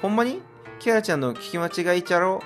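A man's voice: high voice, animated, quick pace, faint music behind, pitched above the performer's own voice. A man voicing a jittery girl character who slips into a Hakata dialect, sounding nervous.

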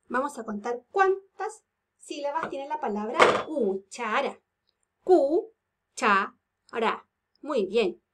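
Woman, kindergarten teacher, high voice, unhurried sing-song, syllable-by-syllable. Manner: slow, sing-song, stretching words into syllables. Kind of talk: remote lesson for young children. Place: at home.

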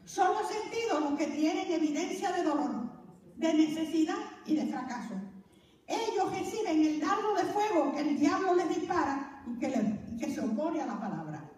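High-voiced woman teaching in an echoey hall. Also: normal speed. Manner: lively, joking, preacher-like. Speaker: Bible course teacher. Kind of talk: church Bible class teaching. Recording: very echoey room, distant mic, faint noise.

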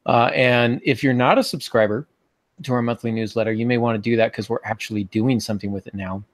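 Talking fast with a steady, mid-range voice, this forty-something podcast host and writing teacher chats easily about writing with light jokes. He records indoors in a small home office, and the sound is dry.

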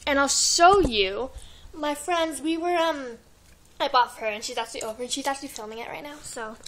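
A woman's voice: high-pitched, a little fast, a bit bright, low-quality recording. A teenage girl chatting casually and rambling as she shows off a shopping haul, recorded on a webcam at home. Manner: chatty, giggly, rambling with many likes. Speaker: vlogger. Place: living room at home. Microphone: built-in webcam mic.

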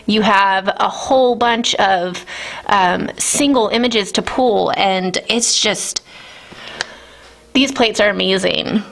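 A woman in her thirties gushing through a casual product review at home, excited and chatty. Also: mid-range voice, takes it slowly, gravelly. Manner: gushing, enthusiastic. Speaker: nail art vlogger. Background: children.

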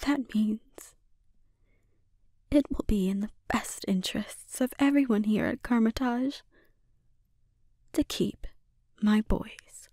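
A woman playing a menacing, condescending, dominant witch in a breathy, often whispered ASMR roleplay. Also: a little high, mellow, no echo, clean studio sound. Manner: slow, deliberate, condescending.

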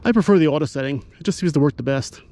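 A man's voice: on the high side, racing, mellow. A man giving a casual how-to narration as a vlogger showing his gear. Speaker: motovlogger presenting his gear setup.

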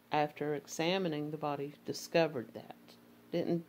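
A woman with a low voice and an Appalachian accent narrates a true crime case. She moves between reading court documents and loose, conversational commentary, with fillers and restarts. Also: a little mellow.

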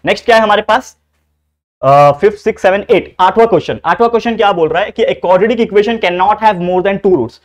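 A man's voice: high voice, normal speed. A young man from India teaching a maths lesson, explaining step by step and putting rhetorical questions to his students. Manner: asks students rhetorical questions, mixes Hindi and English. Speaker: maths tutor. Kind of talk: exam-prep lecture.

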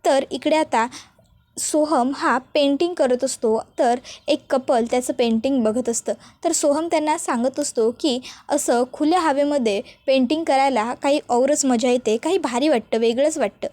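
A woman's voice: high voice, a little mellow, no room sound. A woman retelling a TV serial episode as narrator, acting out the characters' quoted lines in changing voices.

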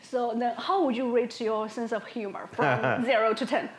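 Higher-voiced woman interviewer in an echoey room. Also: steady tone, normal speed. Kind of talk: casual quick-fire interview questions. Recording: echoey room with clear background noise.

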